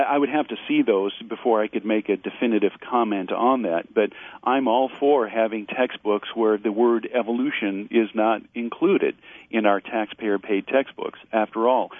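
A man's voice: fairly low pitch, no echo. A man, a zoologist guest on a call-in show, heard over a clipped phone line, explaining at length with fillers and repeated words. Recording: tinny dry phone line.

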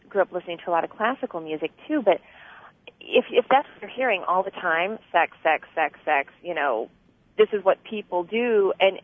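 A woman speaks over a clipped, tinny phone line from her car, her voice thin and boxed-in with no room sound at all. She explains at an even middle pitch, earnestly, stopping and restarting and dropping in fillers. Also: no echo. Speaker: caller. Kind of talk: call-in radio chat.

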